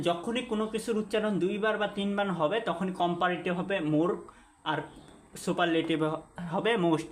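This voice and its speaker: A man teaching an English grammar lesson at a whiteboard, asking the class questions and repeating the key points. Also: high voice. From Bangladesh. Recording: echoey room, faint background hiss.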